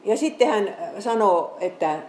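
A woman preaching a sermon with Bible readings, earnest and conversational, often halting and restarting. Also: medium pitch, animated, darkish tone, reverberant, a little hiss or hum, rough recording.

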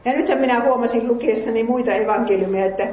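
A woman's voice: on the high side, a little hiss or hum. A woman reading scripture aloud and musing on it in an earnest sermon, asking her listeners questions. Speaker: lay preacher. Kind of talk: Bible reading with sermon commentary. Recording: roomy, muffled recording.

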